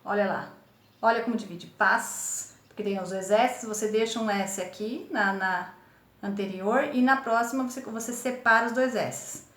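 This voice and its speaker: A woman's voice: medium pitch, moderate pace, a bit bright. A woman teaching young children remotely, with a São Paulo accent, sounding out words syllable by syllable in a patient, encouraging way. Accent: Brazilian Portuguese, São Paulo state. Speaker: primary school teacher. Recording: echoey room.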